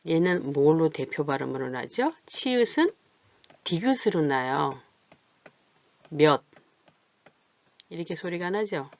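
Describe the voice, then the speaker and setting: Woman, language teacher, low voice, repeats each example slowly for the class, dry muffled lo-fi recording. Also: very animated, gravelly, darkish tone, no room sound. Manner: slow, drilled repetition of example phrases. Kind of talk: classroom lesson. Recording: dull, dry lo-fi.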